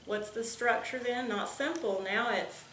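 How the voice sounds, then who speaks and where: A woman's voice: a little high, unhurried, fairly bright tone, a little hiss or hum. A woman, a homeschooling mother, patiently asking her son grammar questions. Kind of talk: teaching her child grammar. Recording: echoey room.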